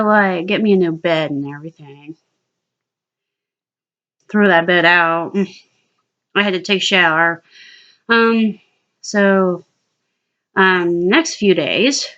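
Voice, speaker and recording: A woman's voice: medium pitch, fairly bright tone, lo-fi sound. A woman vlogger telling a personal story in a casual, rambling way, swearing freely and restarting her sentences.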